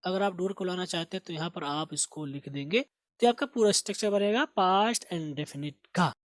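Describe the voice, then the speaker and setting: A teacher, slowly explaining English grammar and repeating words aloud for pronunciation. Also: mid-range voice, dry recording, clean studio sound. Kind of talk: spoken grammar and vocabulary lesson.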